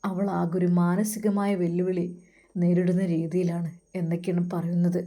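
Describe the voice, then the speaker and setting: Woman doing a patient older man, measured, gently persuasive, calm phone voice. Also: fairly low pitch, lightly acted. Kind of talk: storytelling with acted dialogue.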